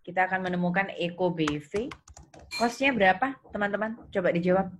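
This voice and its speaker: In a noisy online accounting lesson full of keyboard typing and clicks, a woman with a mid-range voice speaks fairly quickly. She teaches instructively step by step, putting questions to students and repeating their answers.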